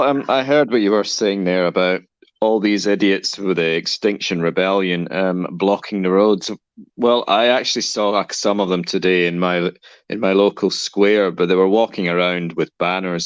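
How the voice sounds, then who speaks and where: A man's voice: deep voice, no echo, lo-fi sound. A man with a mixed Danish and Scottish accent, chatting bluntly as a guest on a live stream over his mobile phone. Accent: Danish-Scottish mix. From Denmark. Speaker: guest caller. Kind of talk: casual chat.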